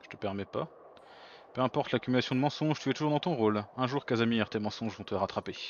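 A man's voice: medium pitch, fast talker, muffled recording, slight background noise, natural voice. A man voicing a defiant, guilt-ridden young hero in a fantasy game, earnest and dramatic.

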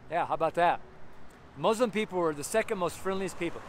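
A middle-aged man preaches on a street corner, a little higher-pitched than most men. He talks in an emphatic, rambling way, full of fillers and asides. Cars pass clearly in the background of the close handheld recording. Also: a little fast, poor audio. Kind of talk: outdoor street sermon. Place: outdoors on a sidewalk by a street. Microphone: camera held close, selfie framing. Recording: outdoor street with audible traffic noise. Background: passing traffic.

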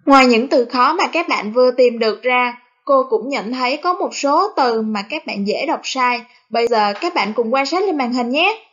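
A woman primary school teacher with a Southern Vietnamese accent, giving a recorded reading lesson in a slow, careful, over-articulated classroom manner. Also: fairly high pitch, lively intonation, a bit bright. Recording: dull lo-fi recording.

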